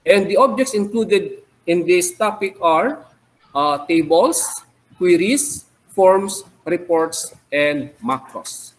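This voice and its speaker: A man's voice: high voice, expressive, a little hiss or hum, low-quality recording. A man with a Filipino accent teaching a database webinar, explaining patiently and checking in with "okay?" as he goes. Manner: explains slowly, repeats key terms, frequent "okay?" checks. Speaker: webinar instructor. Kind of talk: online lecture.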